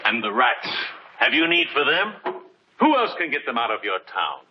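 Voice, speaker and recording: An actor playing a sly, polite piper bargaining with officials, in 1950s film style. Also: male voice, mid-range voice, sing-song, moderate pace, background noise, close to an everyday voice. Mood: coolly teasing. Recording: dull 1950s film soundtrack with music.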